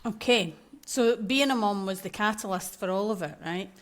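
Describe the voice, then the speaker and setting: A Scottish woman in her thirties speaks as a podcast guest. Her voice sits at a middle pitch, and her talk is candid, chatty and quick to laughter. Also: a bit bright. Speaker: podcast guest, maternal mental health coach. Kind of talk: conversational interview.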